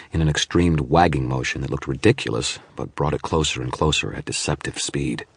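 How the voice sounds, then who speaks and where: Very deep, husky male narrator. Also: dry recording. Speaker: audiobook narrator. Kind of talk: first-person audiobook narration.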